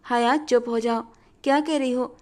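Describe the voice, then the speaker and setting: A woman's voice: fairly high pitch, steady tone, unhurried, a little mellow, natural voice. A woman voicing a worried, scolding mother. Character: worried middle-aged mother figure, scolding.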